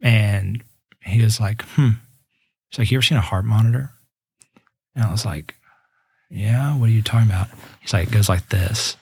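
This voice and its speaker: Earnest and reflective, a young guest musician in his twenties recounts his musical journey on a relaxed podcast, frequently starting sentences over and leaving long pauses. His slightly low voice is gravelly and a little rough, at a moderate pace, recorded dry with no room around it.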